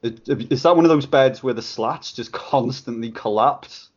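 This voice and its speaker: A man co-hosting a casual podcast, with a deadpan, crude sense of humour. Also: mid-range voice, moderate pace, slightly rough. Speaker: podcast co-host. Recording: dull lo-fi home recording.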